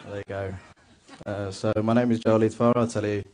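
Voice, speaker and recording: A man from Somalia performing a stand-up comedy set on a club stage, with a dry, low-key delivery and hesitant fillers. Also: little pitch movement, fairly quick, over a noisy crowd. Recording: noisy live club recording.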